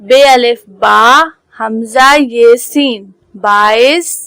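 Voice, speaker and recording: Slow, careful woman teacher. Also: a little high, fairly bright tone, clean tone, dry recording, poor audio. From Pakistan. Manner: slow, careful letter-by-letter dictation. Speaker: school teacher. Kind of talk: online class lesson, spelling out words.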